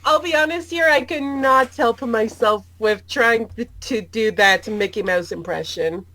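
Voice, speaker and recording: A woman's voice: on the high side, unhurried, bright, forceful tone. A woman guesting on a casual gaming podcast, playful and hyperactive.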